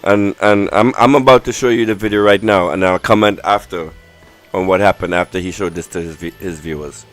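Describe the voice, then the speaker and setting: A man's voice: low voice, steady tone, brisk, faint music behind. A man hosting his own stream show, talking in a loose, repetitive and self-amused way. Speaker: show host. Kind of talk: casual stream commentary.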